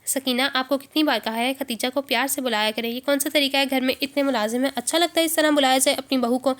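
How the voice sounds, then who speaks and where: A woman's voice: sits high, steady tone, fairly bright tone. A woman reading the part of an older man, head of the family, who speaks sternly. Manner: stern, reproving.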